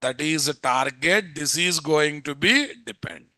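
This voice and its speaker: A man's voice: a little high, unhurried, sharp tone, no room sound, studio quality. A man with an Indian Telugu accent giving a live programming lecture as an instructor, repeating phrases and constantly quizzing his listeners.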